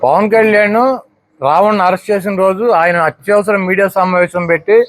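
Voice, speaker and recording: A high-pitched politician speaks to the press at normal speed in a combative statement. He keeps firing repeated rhetorical questions.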